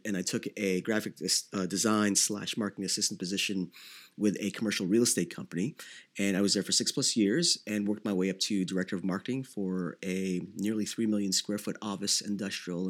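A man in his thirties from the Philippines hosting his podcast alone, answering listener questions in a conversational way with many fillers and restarts. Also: lowish voice. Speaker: podcast host. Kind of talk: solo podcast Q&A.

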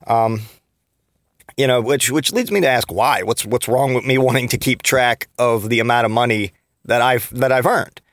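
A man in his thirties hosts a solo podcast, venting his frustration with plenty of swearing and restarts. His mid-range voice moves at a moderate pace, recorded cleanly in a studio with no room sound.

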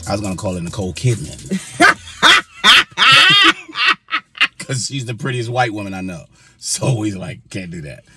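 A man's voice: on the low side, wildly swooping pitch, a little slow, pauses often, over loud music. A man co-hosting a casual vlog from inside a car, laid-back and joking. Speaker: vlog co-host. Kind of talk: casual chat.

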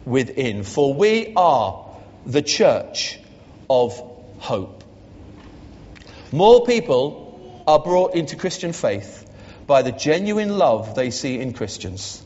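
A man's voice: fairly high pitch, a little mellow. A man preaching a sermon as the new church officer, earnest and emphatic, leading the congregation in repeating lines. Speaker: pastor. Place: church hall. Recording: muffled echoey church hall.

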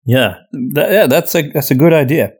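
A Flemish man from Flanders, Belgium, a native Dutch speaker with a Flemish accent, co-hosts a podcast and writes audio drama, chatting casually in a Q&A and repeating words as he thinks. His voice is fairly high and expressive, at normal speed, with a darkish tone and a breathy edge.

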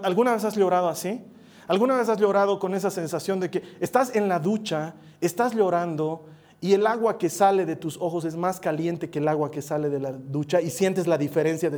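High-voiced preacher telling stories. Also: male voice. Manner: animated storytelling, acts out voices, drops to a hush. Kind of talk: sermon.

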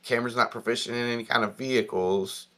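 A man running a tabletop role-playing game as game master, giving rulings and narrating in a relaxed, plain-spoken way. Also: medium pitch, fast.

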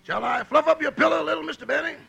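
An actor playing a cheeky male valet in a 1940s radio comedy, with a gravelly, rasping voice and quick teasing comebacks. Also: very high-pitched, pushed and bright, heavily acted. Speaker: butler character in a radio comedy.

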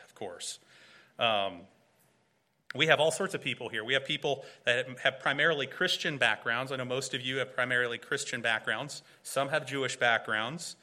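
A pastor with a bright, clear, medium-pitched voice preaches a sermon to a congregation. He explains earnestly, with some filler and restarts, and often asks rhetorical questions.

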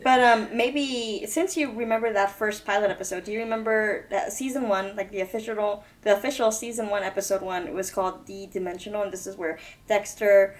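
A woman's voice: medium pitch, steady tone, brisk, hardly any pauses. Podcast co-host, woman, thirties, upbeat and giggly, casual conversational read. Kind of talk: casual chat.

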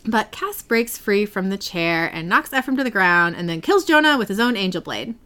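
Animated woman giggling through a recap. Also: medium pitch, normal speed, smooth. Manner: chatty, giggly, animated storytelling. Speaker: podcast host recapping a TV episode. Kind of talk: casual recap chat.

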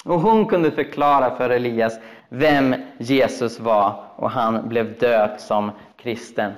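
A man preaching a sermon, telling stories in an animated, expressive way with acted quotes. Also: mid-range voice. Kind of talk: sermon storytelling.

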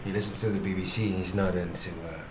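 A man from Europe, a guest in a casual chat, speaking haltingly with many pauses and restarts. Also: deep voice, fairly even intonation, roomy sound, noisy background. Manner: hesitant, halting, lots of uh and restarts.

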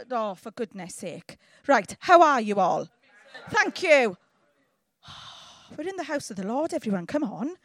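A woman preacher from south Wales with a Welsh accent gives a lively, informal sermon, teasing her listeners and often checking in with short questions. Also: high voice, no echo. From Llanelli, south Wales.

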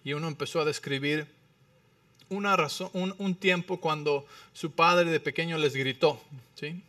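A male pastor preaching a sermon, animated, swinging between loud emphatic phrases and quiet low ones, often checking in with the listeners. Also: moderate pace, far from the mic. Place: church.

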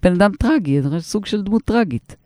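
A woman's voice: mid-range voice, animated, mellow, no room sound, clean studio sound. A woman co-hosting a casual podcast who argues her points emphatically. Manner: argumentative and emphatic. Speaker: podcast co-host.

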